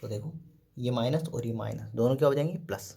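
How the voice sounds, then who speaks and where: A man's voice: medium pitch, a little fast, creaky, mellow. A man teaching a math lesson step by step, asking questions and answering them himself. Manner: explains step by step, asks and answers his own questions; often says "ठीक है" and "देखो".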